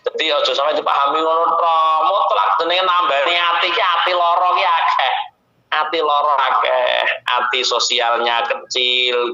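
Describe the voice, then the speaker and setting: A man's voice: mid-range voice, sharp tone. A man with a Javanese accent preaching a sermon, reciting Arabic and then explaining it, and often speaking straight to his listeners. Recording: echoey, dull lo-fi recording.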